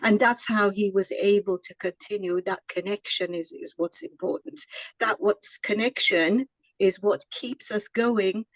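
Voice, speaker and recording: A woman's voice: mid-range voice, dry recording, rough recording. Thoughtful woman commenting, dry sound. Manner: measured, thoughtful, with fillers. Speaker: audience member commenting. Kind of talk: reflective comment in online Q&A.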